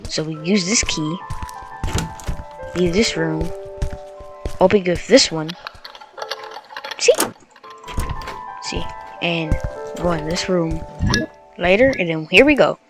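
A man's voice: on the high side, slow pace, pauses often, over music. A young teenage boy giving casual, slangy horror game commentary, muttering into a headset mic in a bedroom. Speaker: gaming video host.

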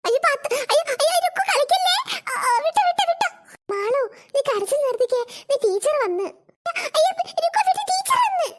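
A woman voicing chattering young schoolgirls in a cartoon, giggling and gossiping quickly. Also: very high-pitched, very noisy. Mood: chatty. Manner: rapid excited chatter, squeals and giggles. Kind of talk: cartoon voice acting.

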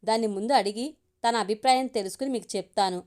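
A woman reading as a tactful gentle wife. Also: on the high side, fast talker, close to an everyday voice. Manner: soft, persuasive.

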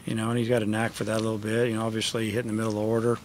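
A man's voice: on the low side, completely flat delivery, very fast, slight background noise. A middle-aged man, a college baseball head coach, answering questions at a post-game press conference in a matter-of-fact way, with lots of fillers. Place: press conference room with a sponsor backdrop. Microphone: table microphone.

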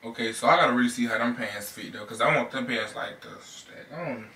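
A young man chats casually to his vlog camera in his bedroom, slangy and repeating his phrases. His mid-range voice is fairly quick, pushed and bright. The recording has a clearly noisy background.

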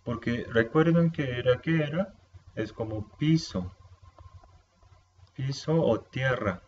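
Guy teaching vocab, repeats everything, keeps asking "right?", kinda dull lo-fi audio. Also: mid-range voice. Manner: patient, repeats words slowly, checks in with "¿sí?". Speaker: Korean language teacher. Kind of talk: explaining vocabulary to a video audience. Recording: slightly dull sound with faint noise.

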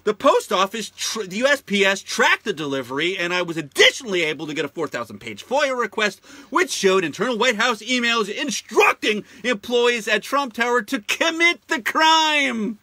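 A man's voice: high-pitched, sing-song, normal speed, hardly any pauses, pushed and bright, dry recording. A man hosting his own show, delivering a profane, indignant and sarcastic ranting monologue that hammers its words through repetition. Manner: repeats words heavily for emphasis. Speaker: show host.

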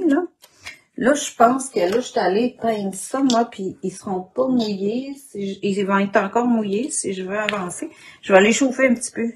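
A woman with a Quebec French accent and a husky morning voice, informally demonstrating an art technique and often clearing her throat. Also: medium pitch, a little hiss or hum. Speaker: craft instructor. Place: indoor craft worktable.

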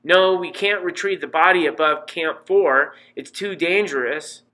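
A man's voice: fairly high pitch, unhurried, bright, forceful tone, rough recording. A man voicing a worried, persistent middle-aged mother who pleads and insists as she talks to her son in a storybook reading. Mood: anguished pleading.

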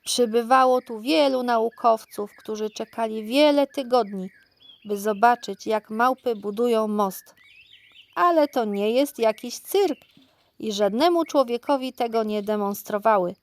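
Woman doing a little female monkey, high, excited, eager, storybook. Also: unhurried. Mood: proud. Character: small lively female monkey, cheering.

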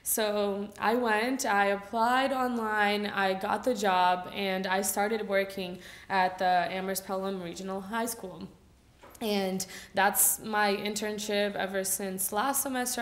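Standing at a lectern in an echoey lecture hall, a student speaker delivers a casual symposium talk into the microphone, chatty and full of fillers. She is a Brazilian woman in her twenties whose native language is Portuguese, and her voice is mid-range.

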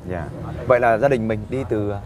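A man's voice: fairly low pitch, moderate pace. A man from a volunteer search team interviewing a woman outdoors, formal and restating her answers back. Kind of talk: street interview. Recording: distant mic, loud crowd.

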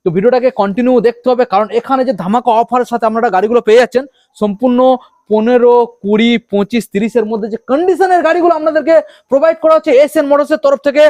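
A man's voice: very high voice, fairly even intonation, rapid-fire, a little mellow, dry recording. A man with a Bengali accent hosting a promotional showroom vlog, delivering hyped sales patter and calling viewers his friends. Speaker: YouTube channel host.

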